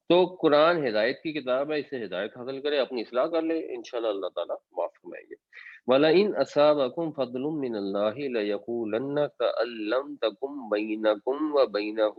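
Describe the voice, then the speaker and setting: A man's voice: mid-range voice, no room sound. A man explaining scripture as a teacher in a patient lesson, slipping English words into his talk. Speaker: Quran teacher. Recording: dry, slightly dull recording.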